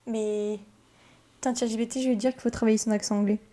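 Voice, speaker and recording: A woman vlogger chatting casually and reacting with quick, amused comments. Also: fairly high pitch, steady tone, warm tone, slight background noise. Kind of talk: casual chat.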